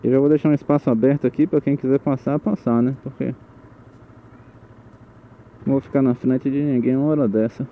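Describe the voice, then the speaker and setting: A man's voice: medium pitch, steady tone, a little fast, pauses often. A man gives a grumbling, swearing running commentary while riding a motorcycle at night. His voice comes through the gritty lo-fi sound of an old microphone hidden in his helmet. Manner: grumbling, swears about traffic. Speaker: motorcycle vlogger. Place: riding through city streets at night, outdoors. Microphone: old mic hidden in helmet. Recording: dull lo-fi helmet mic, loud traffic noise.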